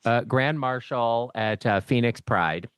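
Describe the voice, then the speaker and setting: A male podcast host with a smooth, clear voice asks his guest questions, pausing on uh before each one. The recording is dry and close. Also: mid-range voice, fairly bright tone, no room sound. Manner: hesitant, frequent uh before questions. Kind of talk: interview questions.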